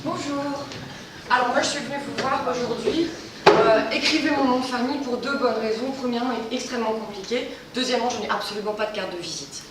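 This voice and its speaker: A woman gives a humorous, animated short pitch about herself as a new doctor. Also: fairly quick. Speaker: doctoral contest speaker. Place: large lecture hall. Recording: echoey hall, distant mic, background noise.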